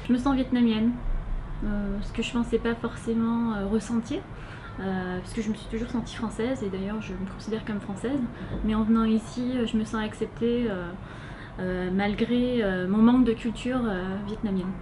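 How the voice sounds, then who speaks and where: This young French woman, a volunteer being interviewed, answers casually and hesitantly in a French accent, filling her speech with lots of filler sounds. Her voice is a little high and steady in tone, at a moderate pace. A noisy hiss runs underneath the recording.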